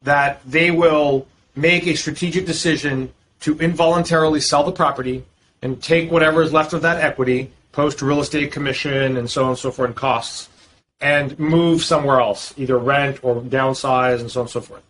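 Guesting on a podcast, a male real estate lawyer from Boston speaks at normal speed in a fairly high, fairly bright voice with fairly even intonation. The audio is poor and carries slight background noise. His delivery is fluent, built on lengthy explanations peppered with fillers.

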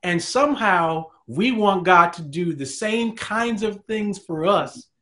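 A male host of a faith talk show speaks in an emphatic, preacherly way. He turns to the audience as he makes his points, and his voice sits a little high for a man. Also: animated, slow pace, sharp tone.

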